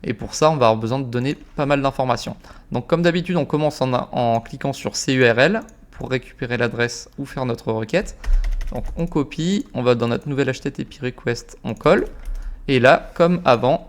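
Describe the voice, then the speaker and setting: A young man talks through a screen-recorded tutorial in a loose, chatty manner. His voice sits at an ordinary middle pitch and he fills pauses with hesitations and casual slang as he works. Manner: relaxed, many fillers, informal slang. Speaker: automation tutorial creator.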